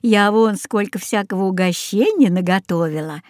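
A woman voicing a scheming old forest witch in a storybook reading, sweet and coaxing, drawn out slowly. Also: medium pitch, darkish tone, no room sound, studio quality, close to an everyday voice. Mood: sly coaxing.

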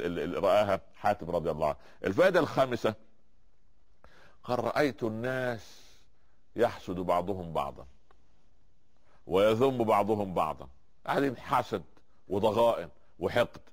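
Fast-talking Egyptian preacher. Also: male voice, on the low side. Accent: Egyptian Arabic. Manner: poses rhetorical questions to the audience; repeats and restarts words. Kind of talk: religious lesson.

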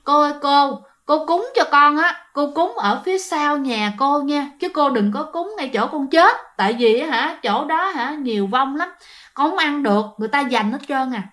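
A woman voicing the ghost of a young woman who pleads softly and politely for food. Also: high-pitched, animated, normal speed. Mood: pleading.

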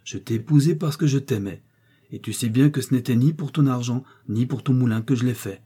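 A man's voice: medium pitch, fairly quick, mellow, breathy edge, pitched above the performer's own voice, lightly acted. A man reading the part of a young miller's wife who defies her cruel mother-in-law, speaking with heated, trembling defiance. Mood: impassioned.

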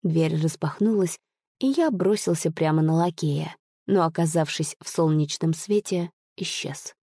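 A woman narrating an audiobook in an expressive, measured storytelling manner. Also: low voice, breathy edge, dry recording, studio quality. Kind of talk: audiobook reading.

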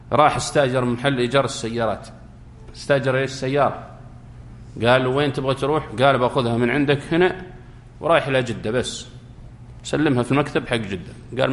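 A man's voice: on the high side, a bit bright. A man with a Saudi accent teaching Islamic law in a classroom, explaining rulings through everyday examples and questions to his students. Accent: Saudi Arabic. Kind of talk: classroom fiqh lesson.

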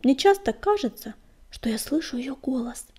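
A woman reading a storybook and voicing an anxious, grieving young female healer cat in a hushed, breathy voice. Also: high voice, lively intonation, moderate pace.

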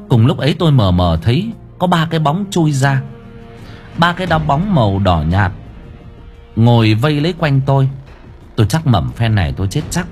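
A man narrating a first-person audiobook story in a dramatic, lively way. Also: medium pitch.

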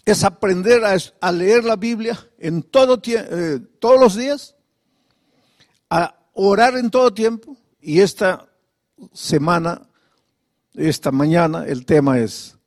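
A pastor preaches in a notably high voice, driving his points home with rapid rhetorical questions and sometimes sinking to a quiet, confiding murmur. He was recorded close and dry, with no room sound around him. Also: no room sound. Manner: drops to a soft, confiding tone. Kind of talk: sermon.

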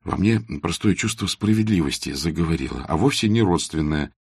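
A man doing a hot-headed young gentleman, indignant, deep gravelly voice. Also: animated, fairly quick, dry recording, studio quality, full character voice. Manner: indignant, heated. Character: earnest young gentleman, hot-tempered friend.

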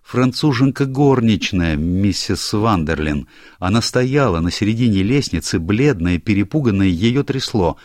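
A man's voice: fairly low pitch, expressive, unhurried, darkish tone, dry recording, clean studio sound, voice pushed up. A man voicing a young, anxious male secretary who stammers and is eager to please, in an audiobook. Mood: flustered. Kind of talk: audiobook character voice.

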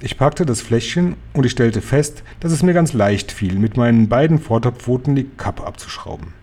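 A man reading a children's book aloud as an audiobook, with steady, even storytelling. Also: mid-range voice, normal speed. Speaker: reader. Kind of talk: audiobook narration.

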